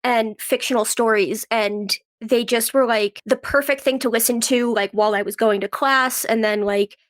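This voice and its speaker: A woman in her twenties, an actress and writer appearing as a guest, chats casually in an interview despite having a cold. Her voice is a little high with fairly even intonation at a moderate pace, and her youthful, conversational talk is peppered with "like."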